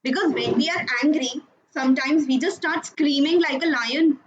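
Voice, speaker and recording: A high-pitched woman leads an online class for young children, coaxing them along and praising them often. Her voice comes through a dull, muffled video-call line. Steady background noise hums underneath. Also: normal speed. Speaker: teacher.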